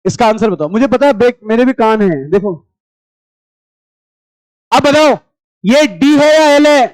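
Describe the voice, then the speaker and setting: Brief: male chemistry teacher, very high smooth voice, drills class with repeated questions, dry close sound. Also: animated, no echo, poor audio. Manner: quizzing students with rapid repeated questions; familiar, addresses class as brother. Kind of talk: classroom lecture.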